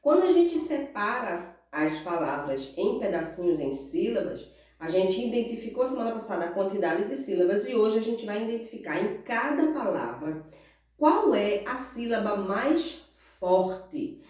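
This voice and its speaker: A woman with a Brazilian Portuguese accent teaching a recorded class, slow and patient, stretching out stressed syllables and asking the pupils questions. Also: medium pitch, big pitch swings, darkish tone. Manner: asks pupils questions and answers in their voice. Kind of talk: recorded remote class lesson. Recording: roomy echo, far from mic.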